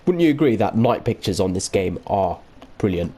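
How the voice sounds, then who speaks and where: Hoarse man with a cold. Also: lowish voice, normal speed, slight background noise. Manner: relaxed, chatty, thinking aloud with fillers. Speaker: gameplay commentator. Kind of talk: casual let's-play commentary.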